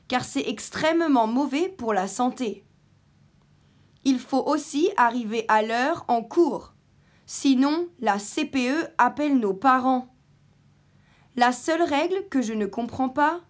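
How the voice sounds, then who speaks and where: A woman reading a scripted text slowly and carefully in short phrases, as a model for learners. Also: high voice, expressive. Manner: careful, evenly paced delivery in short phrases.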